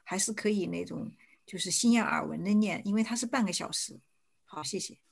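A woman's voice: medium pitch, a little fast, creaky, husky. A woman in her forties, calling in with a question, speaking politely and hesitantly with many restarts. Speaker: caller asking a question.

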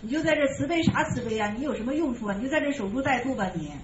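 High-voiced woman giving a Chan dharma talk. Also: expressive, noisy background. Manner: chanting verse lines slowly, then scolding rhetorically; repeats phrases insistently. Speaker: Chan Buddhist teacher. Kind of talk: dharma talk explaining a koan verse. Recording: roomy, slightly dull recording.

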